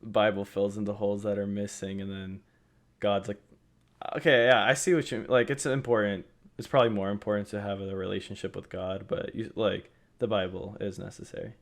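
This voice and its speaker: A young man talks through a casual podcast with a buddy, his voice sitting a bit low. He rambles in loose bursts, restarting sentences and teasing his co-host. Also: little pitch movement, a little fast. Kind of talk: casual chat.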